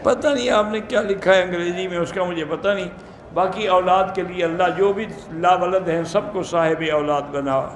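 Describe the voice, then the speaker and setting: A man, an Islamic scholar, giving brisk, plain-spoken answers to religious questions in a question-and-answer talk. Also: sits high, slight background noise. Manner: plain-spoken, brisk, matter-of-fact rulings. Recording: echoey room.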